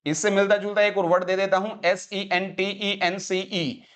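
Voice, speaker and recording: Haryanvi male teacher, higher voice, live class, drills words call-and-response, Hindi-English mix. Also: little pitch movement, moderate pace, fairly bright tone, clean tone. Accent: Haryanvi-accented Hindi and English. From Haryana, India. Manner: repeats words and quizzes students with call-and-response; mixes Hindi with English phrases.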